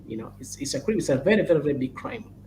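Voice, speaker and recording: A man's voice: medium pitch, expressive, darkish tone, soft background music, rough recording. A man, speaking as a child-protection advocate. He halts often on "uh", restarts his phrases, and urges parents and caregivers earnestly. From Uganda. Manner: halting and repetitive, with many "uh"s and restarts, urging earnestly.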